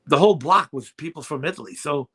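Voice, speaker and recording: This fast-talking Brooklyn radio host, a man in his sixties with a New York accent, has a fairly high pitch, a sharp tone and a breathy edge. He chats casually and rambles, leaning on plenty of fillers.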